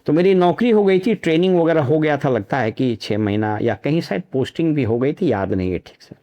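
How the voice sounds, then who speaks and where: This man's voice sits a little high and sounds expressive, though the audio is dull. He's a middle-aged ex-civil servant from Nalanda, Bihar, offering measured storytelling commentary that leans on anecdotes and proverbs.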